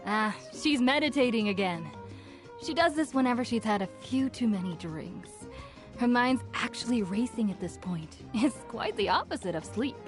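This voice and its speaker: A woman's voice: a little high, animated, normal speed, natural voice. A woman playing a cheeky, genial young tavern keeper in a video game, chatty and polite. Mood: explaining. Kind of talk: animated video game acting. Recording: music behind the voice.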